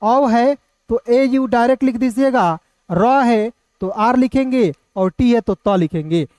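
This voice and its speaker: High-voiced man teaching, quizzing viewers. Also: a little slow, a little mellow, no echo. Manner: repeats rhetorical questions to viewers. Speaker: English teacher. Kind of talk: casual classroom lesson.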